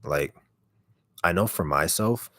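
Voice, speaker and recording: A man with a deep, raspy voice chatting casually on a livestream, relaxed and rambling, speaking very close to the microphone. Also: takes it slowly, no room sound. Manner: relaxed, rambling, heavy use of "like". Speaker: ASMR content creator on a livestream. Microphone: microphone held very close.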